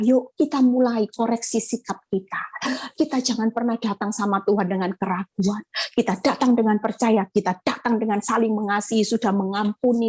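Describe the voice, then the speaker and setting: A woman evangelist, preaching an animated sermon over a video call and addressing listeners directly. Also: medium pitch, husky.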